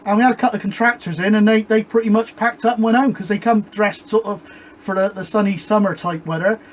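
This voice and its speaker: Talking fast in a high voice with fairly even intonation, a chatty British man rambles through casual CB net chatter, ending every turn with "back to you." He's a CB radio operator and show host, set up in a home shed radio room with a gas fire, captured on a low-quality recording.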